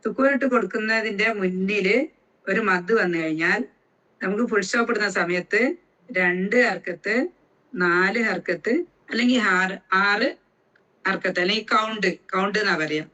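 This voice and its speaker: A woman teaching Quran recitation rules, speaking slowly and deliberately and drawing out each letter sound to show how it is made. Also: medium pitch, sharp tone, low-quality recording.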